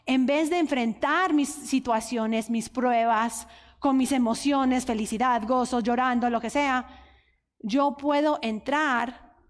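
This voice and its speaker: An earnest, openly emotional woman teaches the Bible at a women's conference. Her high voice moves at an unhurried pace. The sound rings with the long reverb of a large hall. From United States. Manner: earnest, emotional, speaks directly to listeners. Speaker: women's workshop speaker.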